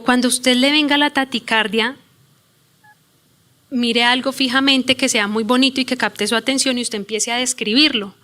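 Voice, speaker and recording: Woman pastor, slightly high voice, earnest testimony sermon in a church, reads scripture slowly. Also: a bit bright. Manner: earnest, emotional storytelling, voices her own prayers.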